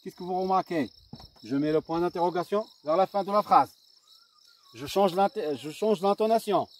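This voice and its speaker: Un homme enseignant donne une leçon de grammaire avec un marocain, lentement, en répétant et en marquant des hésitations. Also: male voice, sits high. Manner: slow, deliberate, dictating and repeating, with fillers. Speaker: primary school teacher. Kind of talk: grammar lesson. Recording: distant mic with faint insect noise.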